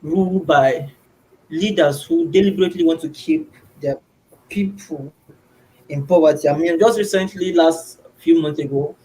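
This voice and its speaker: A man's voice: fairly high pitch, normal speed, dark tone, rough recording. Earnest man hosting a video call. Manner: earnest, repeats words, many fillers. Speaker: host. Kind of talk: online community call.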